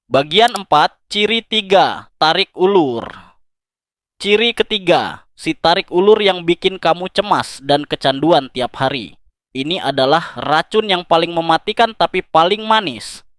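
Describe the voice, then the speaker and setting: Dry, fairly high-voiced male narrator. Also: lively intonation, unhurried, a bit bright, no room sound. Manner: direct, addresses listener intimately. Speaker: relationship advice narrator. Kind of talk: scripted advice narration.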